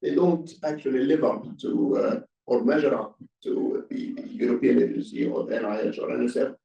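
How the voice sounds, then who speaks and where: Man panelist, gravelly, halting, dull distant audio. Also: mid-range voice, mellow, roomy sound. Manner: halting, repeats words. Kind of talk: panel discussion. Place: conference room.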